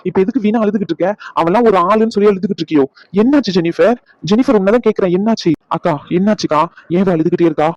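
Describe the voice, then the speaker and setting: A man plays an anxious younger brother in a cartoon drama, talking fast in a mellow voice as he defends himself. The recording is dull and lo-fi, and dry. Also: high-pitched, no echo, lightly acted. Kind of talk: animated drama dialogue.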